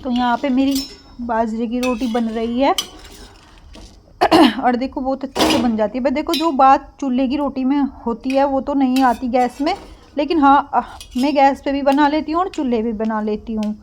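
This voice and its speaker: A young woman narrating a casual home cooking vlog, speaking softly and getting a bit breathless when she pushes her voice. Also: high voice, steady tone, normal speed, a little hiss or hum. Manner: soft-spoken, gets breathless when speaking loudly. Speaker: vlogger.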